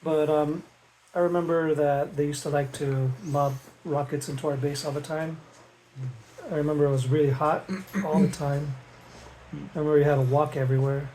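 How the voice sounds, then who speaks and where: A man's voice: on the high side, normal speed, poor audio. A middle-aged father answering questions in a casual family interview and telling old stories with small chuckles. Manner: relaxed storytelling with chuckles. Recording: faint background noise with clicks.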